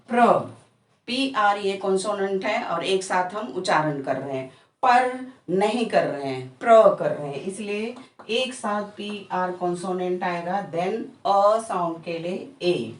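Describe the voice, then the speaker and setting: Woman teacher, unhurried patient explainer, letter-by-letter spelling, echoey room sound. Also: mid-range voice. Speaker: English teacher. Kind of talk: explanatory lesson. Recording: roomy echo, voice from a distance.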